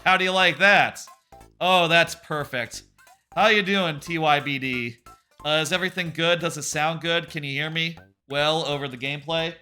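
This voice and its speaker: A man livestreams a game, chatting casually and loudly in a medium-pitched voice about an arm's length from his microphone. His talk is casual live gameplay chatter that rambles and corrects itself.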